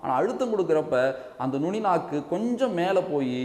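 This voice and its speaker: A fairly high-voiced man with a Tamil Nadu accent teaching an exam-prep grammar class. He walks through each point patiently, keeps asking whether students are following, and drags out single sounds so they can copy them. The room is echoey, with a long reverb tail. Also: animated, brisk, darkish tone. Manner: explains step by step, often checks with "சரியா?". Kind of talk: classroom-style lesson.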